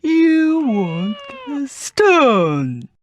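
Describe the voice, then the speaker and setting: Very slow, overdone game boss. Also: female voice, high voice, big pitch swings, slight background noise, exaggerated voice. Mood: menacing, overdone. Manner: bad acting, slow and overdone. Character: weird menacing video game boss with hidden stone. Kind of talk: video game voice acting.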